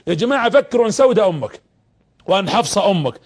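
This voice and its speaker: A man gives a televised religious talk from a studio. His voice sits high and he talks fast. He repeats key words for emphasis and keeps turning to the audience with questions. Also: big pitch swings. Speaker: preacher.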